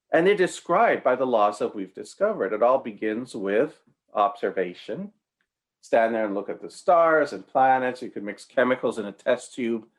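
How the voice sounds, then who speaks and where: A man delivering an apologetics sermon at an ordinary middle pitch. He argues with emphasis, jumping up in pitch on key words. His pace shifts between quick runs and slow, drawn-out phrases. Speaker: preacher.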